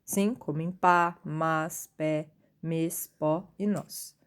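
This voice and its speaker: A woman's voice: low voice, steady tone, extremely slow, smooth. A woman teacher giving a recorded lesson, explaining patiently and often checking in with her students.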